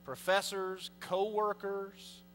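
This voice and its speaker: A man's voice: high-pitched, flat delivery, takes it slowly, fairly bright tone, soft background music. A man in his thirties, a priest, preaching a conversational sermon from the pulpit and putting questions to the congregation. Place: large church, indoors. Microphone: pulpit mic, far camera. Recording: long church reverb, faint mains hum.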